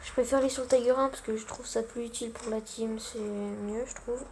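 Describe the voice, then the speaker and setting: A woman's voice: a little high, fairly even intonation, fairly quick, a little mellow, slight background noise. A young woman giving casual, self-mocking gameplay commentary, full of gamer slang. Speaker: gaming channel host.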